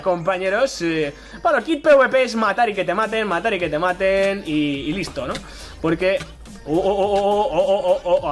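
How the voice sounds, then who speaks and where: High-voiced excitable Spanish gamer. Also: male voice. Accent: Spain Spanish. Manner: excitable, chatty, taunts opponents. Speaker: gaming YouTuber. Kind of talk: live Minecraft PvP commentary.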